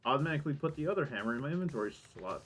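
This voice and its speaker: A man's voice: on the high side, lively intonation, racing, a bit bright, slightly rough. A man giving casual, rambling gameplay commentary, thinking aloud, with a minor lisp that makes his S sounds whistle and hiss. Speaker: gamer recording a let's play.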